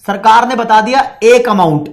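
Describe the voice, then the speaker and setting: A man with an Indian accent and a very high-pitched voice teaches an online exam-prep lecture at a moderate pace. Chatty and repetitive, he mixes English terms into Hindi, speaks straight to his students, and reads out their questions.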